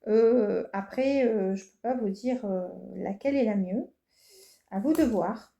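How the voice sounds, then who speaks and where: A tarot reader with a medium-pitched, mellow voice gives a casual horoscope tarot reading at an unhurried pace. She sounds hesitant and reassuring, using frequent fillers, and the recording has an echoey room with faint noise.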